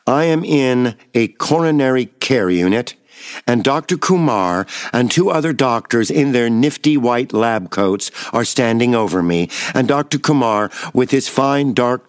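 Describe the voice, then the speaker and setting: An older man in his seventies reads his own memoir with a stage actor's drama. He swings from hushed, low murmurs to sudden raised outbursts and swears bluntly. His voice sits at an average pitch and sounds dry and close, with no room echo. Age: 70s. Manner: blunt, profane. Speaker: memoir reader. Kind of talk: dramatic first-person memoir reading.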